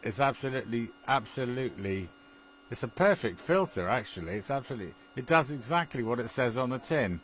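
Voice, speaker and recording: Very animated and fairly quick, the man's mid-range, slightly bright voice belongs to a British ham radio fan musing casually on technical topics with hesitation, chuckles and repeated phrases.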